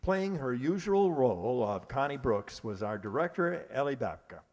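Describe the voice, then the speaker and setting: Introducing the cast at a curtain call, this American announcer speaks at a moderate pace in a medium-pitched, darkish voice with big pitch swings. He stays formal but now and then trips and corrects himself. The live hall echoes, with audience noise and clicks.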